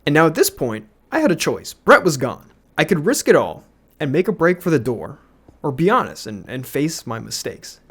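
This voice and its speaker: Young man telling an animated storytime. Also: mid-range voice. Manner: animated, laughing, swearing freely. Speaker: YouTuber. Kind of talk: storytime narration.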